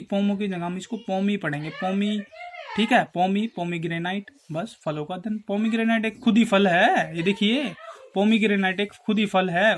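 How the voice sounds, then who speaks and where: A man's voice: high voice, slight background noise. Man teaching memory tricks. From Haryana, India. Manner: explains slowly, checks in with repeated "theek hai", addresses viewers as friends. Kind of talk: exam-prep lesson with memory tricks.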